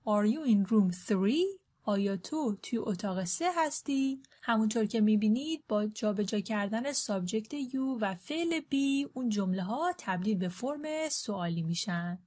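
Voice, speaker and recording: A woman teaching a beginner English lesson. She reads the English examples slowly and clearly, then explains quickly in Persian. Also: a little high, expressive, a little mellow. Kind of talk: language lesson.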